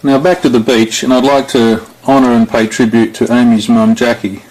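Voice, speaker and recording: A man's voice: mid-range voice, level tone, moderate pace, music in the background, rough recording. A middle-aged man giving a father of the bride speech, recorded on video for the wedding. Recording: faint background noise on home video.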